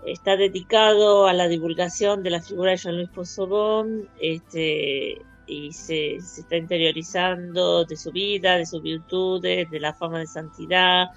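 A woman's voice: lowish voice, steady tone, a little slow, hardly any pauses, lo-fi sound. Woman radio host with faint music behind. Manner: hesitant, many fillers. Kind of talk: radio interview.

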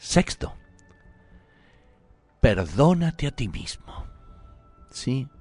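A man's voice: medium pitch, big pitch swings, extremely slow, a little mellow, no echo, faint music behind. A man preaching a sermon in an earnest, pleading, intimate way, sometimes dropping to a whisper.

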